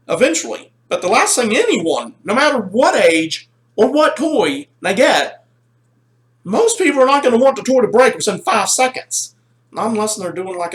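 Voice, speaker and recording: A man telling a rambling, animated story in a casual toy review. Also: high-pitched.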